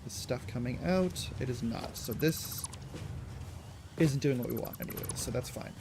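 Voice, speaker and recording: A man's voice: mid-range voice, normal speed, creaky, heavy background noise. Chatty man narrating his own gameplay. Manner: chatty, talks to himself and game objects. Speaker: streamer. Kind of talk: casual gameplay commentary. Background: game music.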